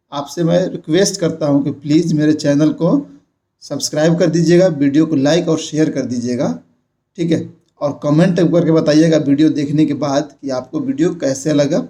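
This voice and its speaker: Young guy teaching grammar, keeps asking "ok?", high voice. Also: warm tone. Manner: repeats points, checks in with "ठीक है". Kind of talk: explaining a grammar lesson.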